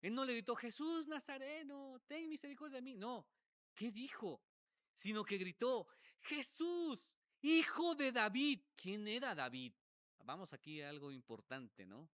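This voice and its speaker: Male pastor, earnest sermon, slow measured delivery, higher voice. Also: clear, resonant tone, no room sound, studio quality. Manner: earnest preaching, swings from loud cries to hushed low asides; repeats words and restarts phrases.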